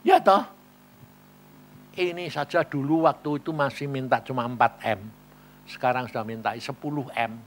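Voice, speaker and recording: Man, pastor, sermon, acted-out dialogue, mid pitch, dynamic volume. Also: steady tone, brisk. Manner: storytelling, acting out dialogues, swings from quiet to loud.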